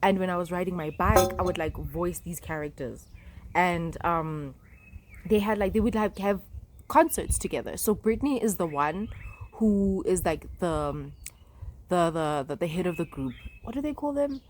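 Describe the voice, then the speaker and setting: A woman's voice: fairly low pitch, lively intonation, moderate pace, a little hiss or hum. A young woman vlogging in a chatty, rambling way, full of fillers and asides. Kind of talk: casual talk to camera.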